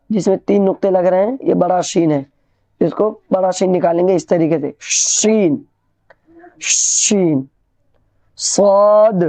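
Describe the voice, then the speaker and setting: A woman's voice: mid-range voice, dark tone, dry recording. A woman teacher giving a beginner alphabet lesson, patiently repeating each letter and explaining how to shape the mouth. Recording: dull lo-fi recording.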